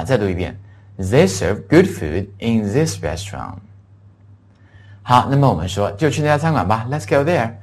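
A middle-aged man runs a classroom English lesson in a fairly low voice. He spells out words letter by letter and says each phrase slowly, then says it again for students to repeat. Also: darkish tone, slightly rough. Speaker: English teacher.

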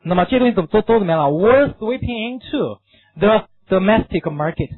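A man lectures through an English reading passage, firing off rhetorical questions at his students. His voice sits high and husky. The recording is thin and tinny, like a phone line. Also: fairly quick. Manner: animated, asks many rhetorical questions, mixes in English phrases. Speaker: English teacher.

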